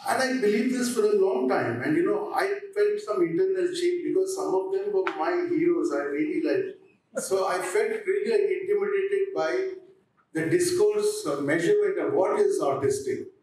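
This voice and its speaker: A man in a reflective, halting way, often restarting. His voice sits a little high. It comes from a stage through heavy hall echo, at some distance, with faint noise. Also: darkish tone. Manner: halting, with frequent pauses and restarts. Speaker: theatre practitioner on a discussion panel. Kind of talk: reflective panel talk. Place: on stage in an auditorium. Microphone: handheld microphone. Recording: very echoey hall, distant, slightly noisy.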